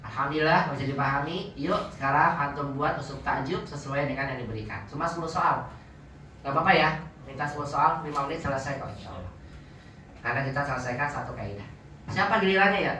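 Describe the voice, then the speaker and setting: A man's voice: fairly high pitch, fast talker, pushed and bright. A male Arabic teacher patiently drilling phrases for his students to repeat. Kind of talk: online Arabic grammar class. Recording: echoey, distant, dull lo-fi sound with faint noise.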